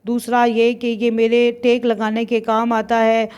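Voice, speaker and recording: A woman voicing a grown man, a calm shepherd prophet, in a plain, matter-of-fact way. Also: fairly high pitch, smooth, lo-fi sound, lightly acted.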